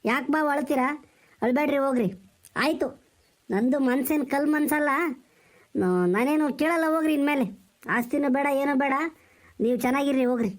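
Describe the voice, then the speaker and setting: A man playing a village son-in-law who gives up his claim in a gruff, dismissive way. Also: very high-pitched, fairly quick, pauses often. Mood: relenting.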